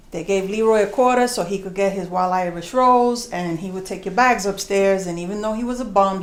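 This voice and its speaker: A woman's voice: medium pitch, echoey room. New woman telling a story live. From New York, USA. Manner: animated, conversational, acts out voices and slows for emphasis. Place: storytelling concert venue with audience.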